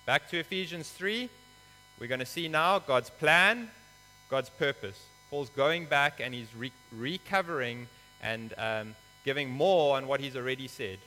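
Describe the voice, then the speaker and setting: In a reverberant church hall with audible mains hum, a man from South Africa delivers a sermon that includes scripture reading. His medium-pitched voice is bright and forceful at a measured pace, and he explains earnestly, now and then hesitating with fillers.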